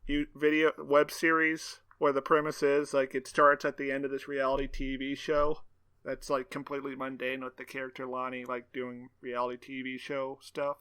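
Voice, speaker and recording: A man's voice: medium pitch, monotone, normal speed, fairly bright tone, smooth. A man co-hosting a TV podcast, wisecracking and laughing often in casual chat. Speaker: podcast co-host.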